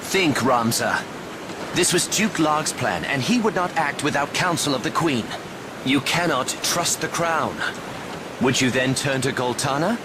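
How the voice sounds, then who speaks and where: A man's voice: medium pitch, background noise, natural voice. Delita, a man playing a brooding, scheming young commoner. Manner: measured, formal old-fashioned speech. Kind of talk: game cutscene acting. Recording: loud music under voice.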